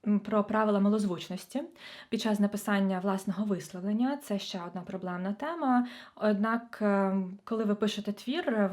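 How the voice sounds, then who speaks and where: A woman's voice: medium pitch, a little mellow. Woman tutor explaining exam prep. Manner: friendly, direct, addresses students. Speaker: Ukrainian language tutor. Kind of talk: online exam-prep lesson.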